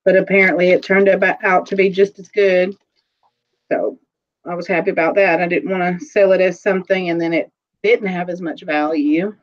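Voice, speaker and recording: A woman's voice: on the low side, steady tone. Chatty woman on a muffled stream. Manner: chatty, rambling, quick to laugh. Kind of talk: casual live-stream chat.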